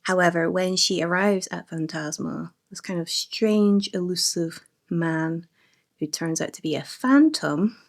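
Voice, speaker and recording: A woman's voice: on the low side, measured pace, gravelly. Chatty woman reviewing books. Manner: chatty and enthusiastic, lots of fillers. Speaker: book vlogger. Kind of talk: casual book review chat.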